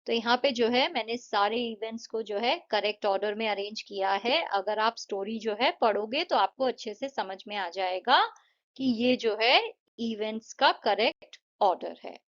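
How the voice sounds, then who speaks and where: A woman's voice: on the high side, normal speed. Patient woman teacher explaining step by step. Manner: patient, explains step by step with Hindi-English mixing. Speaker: English teacher. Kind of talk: exam-prep lesson explaining answers. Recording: dull lo-fi audio.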